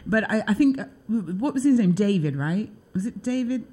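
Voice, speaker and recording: A woman's voice: medium pitch, animated, brisk, mellow, slightly rough. Chatty woman hosting a talk show. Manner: chatty, loose, lots of "you know" and "like". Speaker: show host. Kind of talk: casual interview chat.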